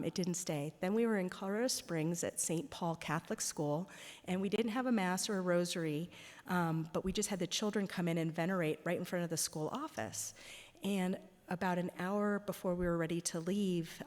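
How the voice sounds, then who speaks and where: A woman gives a casual talk in a church and tells her stories with plenty of "like" and "um." Her voice sits fairly low, and a long reverb from the big hall trails after each phrase. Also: a little mellow. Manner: chatty, with many "like" and "um" fillers. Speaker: guest speaker at a parish.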